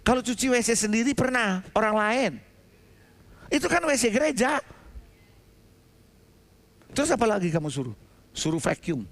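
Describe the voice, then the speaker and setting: Male pastor, high and lively voice, sermon with loud bursts. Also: moderate pace, long pauses. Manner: animated storytelling with sudden loud outbursts. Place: church sanctuary.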